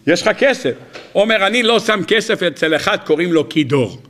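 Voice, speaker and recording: A man's voice: high voice, expressive, a bit bright. A man, a rabbi, giving a sermon that retells a comic story, acting out the dialogue and laughing at his own jokes.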